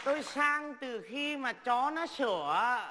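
A man's voice: very high-pitched, lively intonation, takes it slowly, heavily acted. A man playing a fussy, easily offended older mother-in-law who wails and complains dramatically. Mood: huffy. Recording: loud crowd and background noise.

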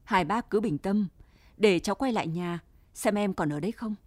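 A woman's voice: mid-range voice, normal speed, a little mellow, no echo, clean studio sound, close to an everyday voice. A woman voicing a brave young male prisoner who speaks firmly and reassuringly. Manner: firm, reassuring.

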